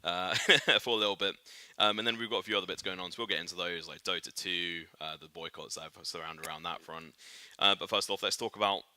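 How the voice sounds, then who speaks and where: A man's voice: deep voice, steady tone, fast, few pauses, bright, forceful tone, clean tone. A man hosting a casual esports podcast in a studio, chatty and upbeat, with plenty of "uh"s and restarts. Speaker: podcast host.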